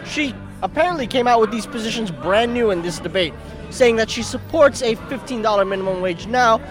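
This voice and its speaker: A man's voice: high voice, brisk, over music. A man born in Bangladesh and raised in Brooklyn, giving a detailed, critical view during a street interview. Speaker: voter.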